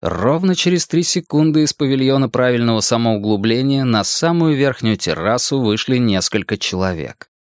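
A man's voice: medium pitch, expressive, moderate pace, no echo, clean studio sound. A man reading dramatic first-person audiobook narration.

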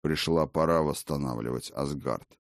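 A man reading an audiobook, voicing an ancient, stern father-god who speaks with command and bursts into booming declarations. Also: moderate pace, gravelly, dry recording, clean studio sound. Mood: calm, certain.

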